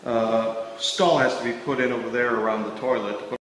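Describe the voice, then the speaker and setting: A Chicago-accented remodeling contractor walks through a large unfinished factory bathroom, narrating the job casually and matter-of-factly with lots of fillers. His mid-range voice is fairly bright and quick with fairly even intonation. It's shot on a handheld phone in an echoey empty room with slight background noise.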